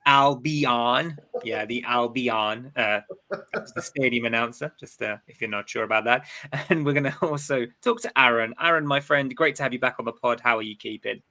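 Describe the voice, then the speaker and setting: Loose and talkative, this podcast host runs a casual live-stream for fans, frequently repeating words mid-thought. He speaks at a normal speed in a mid-range voice with a bright, forceful tone.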